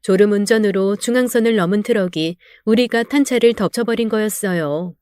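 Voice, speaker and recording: Woman, smooth clear voice, first-person story narration, emotional and dramatic, dry close mic. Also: medium pitch, a little fast, darkish tone, no room sound. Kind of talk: scripted narration of a real-life story.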